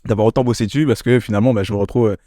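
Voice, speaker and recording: A man co-hosting a casual podcast, an animated storyteller who laughs often and mimics others in his anecdotes. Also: on the low side, rapid-fire, dry recording, studio quality. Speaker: podcast co-host, startup founder. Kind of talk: casual chat.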